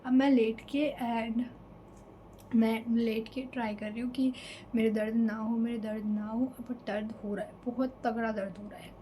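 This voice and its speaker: A young woman vlogger from Delhi tells an emotional storytime in a casual, chatty way, slipping in English fillers. Her voice is mellow and a little high, and the rough recording carries a little hiss or hum.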